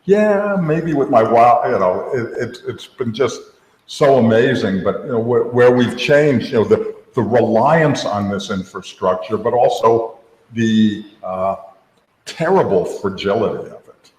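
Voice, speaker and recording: A man's voice: lowish voice, unhurried, darkish tone. A man co-hosting a casual tech podcast, rambling with many restarts and "you know" fillers. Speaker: co-host. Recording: echoey room with long reverb.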